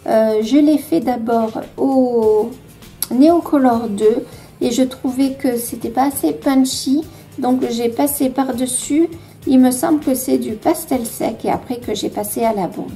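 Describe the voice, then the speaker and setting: A woman with a French accent and a fairly high, mellow voice talks through her coloring books at home. She hesitates often and pokes fun at her own work, while soft music plays quietly behind her. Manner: hesitant, many fillers, self-deprecating. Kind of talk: casual show-and-tell.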